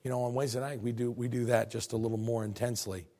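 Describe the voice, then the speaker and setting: A middle-aged pastor preaching a folksy, animated sermon, repeating phrases and talking directly to his congregation. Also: mid-range voice, fast talker.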